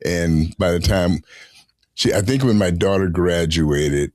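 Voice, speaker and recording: A middle-aged man hosting a podcast in a studio, talking in a relaxed, meandering way with pauses. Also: deep voice, no room sound. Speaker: podcast host. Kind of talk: casual podcast conversation.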